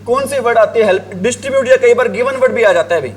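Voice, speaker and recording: With an extremely high pitch and a fast pace, a male English teacher drills his class in grammar, posing the same questions over and over and answering them himself as he writes on a board. Slight background noise is present.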